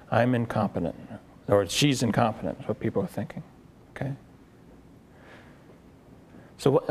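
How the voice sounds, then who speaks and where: Low gravelly man coaching a client. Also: slight background noise. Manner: coaching, repeats words, quick probing questions. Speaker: therapist. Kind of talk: live therapy demonstration. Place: room with an onlooking group.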